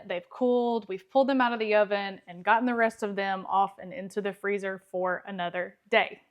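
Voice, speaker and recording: A woman hosting a home cooking video, explaining each step in a friendly, conversational way from her kitchen. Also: medium pitch. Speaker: cooking channel host. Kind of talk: casual cooking demonstration.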